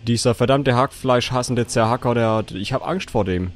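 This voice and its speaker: A man's voice: medium pitch, moderate pace. A young man doing casual horror game commentary, swearing a lot and shrieking at the scares. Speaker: let's play gamer. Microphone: facecam setup, desk mic.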